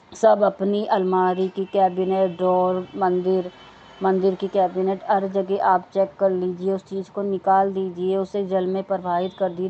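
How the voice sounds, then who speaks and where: A woman's voice: mid-range voice, dull audio, a little hiss or hum. A woman with children giving an earnest devotional talk to listeners, repeating words of thanks and chanting mantras. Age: adult with children.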